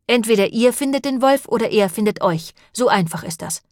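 A woman's voice: medium pitch, animated, normal speed, no room sound, close to an everyday voice. A woman voicing a clever, determined female sheep detective in an audiobook, speaking with earnest insistence in a dry recording. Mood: angry. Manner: earnest and insistent, rising to anger. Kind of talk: audiobook character voice.

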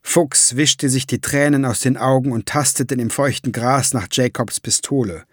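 A man reading an audiobook in slow, measured scripted narration. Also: medium pitch, no room sound, studio quality.

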